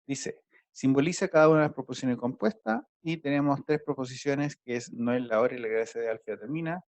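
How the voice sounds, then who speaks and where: Gravelly male teacher, dry sound. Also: mid-range voice, a little fast, a little mellow, dry recording. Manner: patient, explaining step by step. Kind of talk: online math class.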